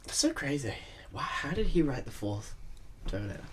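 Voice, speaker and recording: A young person co-hosting a casual podcast with friends, asking quick questions and swearing. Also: mid-range voice, big pitch swings, slight background noise. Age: young adult. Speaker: podcast co-host. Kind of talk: casual chat among friends.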